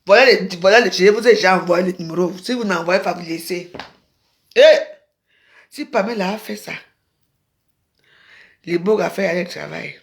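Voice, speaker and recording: A woman, chatting on a casual phone livestream in an excitable, rambling way with sudden exclamations. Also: lowish voice, moderate pace, creaky, long pauses. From Cameroon. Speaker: live streamer. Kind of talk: casual Facebook live chat.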